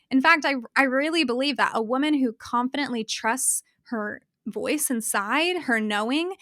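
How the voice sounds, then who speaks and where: A woman's voice: high-pitched, a bit bright, no echo, studio quality. A woman guest on an interview podcast, talking passionately and getting worked up, often restarting her words and laughing. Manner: self-correcting restarts when worked up. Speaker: guest, fashion brand founder.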